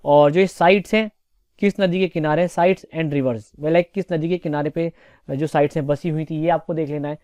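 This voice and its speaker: A man's voice: a little high, steady tone, moderate pace, darkish tone, smooth, no room sound. A young man teaching exam preparation topics in a casual, chatty lecture style, often checking in with his students. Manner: chatty, repeats "theek hai" often.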